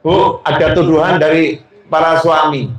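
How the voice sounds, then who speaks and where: A man's voice: fairly high pitch, fairly even intonation, moderate pace. A male preacher giving a sermon to a gathering, teasing the audience with questions. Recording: very echoey hall.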